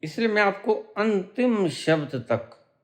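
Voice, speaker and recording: A middle-aged male spiritual teacher delivering a discourse at an unhurried pace. His pitch swings widely as he leans on key words, pauses for effect, then lifts his voice to drive a point home. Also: lively intonation. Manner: slow, emphatic preaching with dramatic pauses and rising stresses.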